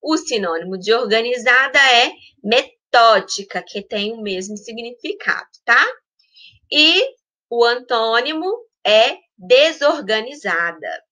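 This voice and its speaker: A woman teacher with a Brazilian accent and a bright, ringing voice pitched a little high. She stretches out each word slowly as she works through a school lesson. She keeps checking that her young students are following along. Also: animated. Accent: Brazilian Portuguese. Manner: slow, drawn-out spelling of words with frequent check-ins.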